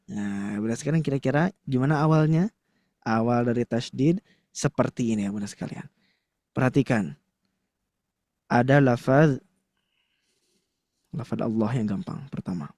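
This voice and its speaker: Speaking at normal speed with long pauses, a man of medium pitch and darkish tone runs a Quran recitation class for a live audience in a dry recording. He is chatty, uses many fillers including frequent "nah," and keeps stopping to quiz people.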